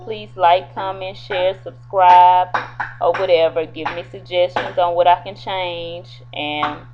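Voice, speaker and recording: A woman's voice: lowish voice, fairly even intonation, takes it slowly, dull audio, over music. Sleepy woman recapping a soap. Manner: retells scenes with quoted dialogue, many fillers. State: sleepy, yawning. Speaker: soap opera recap vlogger. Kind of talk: casual spoken recap. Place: home.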